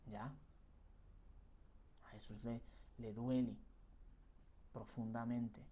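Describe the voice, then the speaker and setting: A man's voice: mid-range voice, flat delivery, takes it slowly, mellow. A man giving a Bible reflection in a conversational way, with many fillers and tag questions. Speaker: preacher.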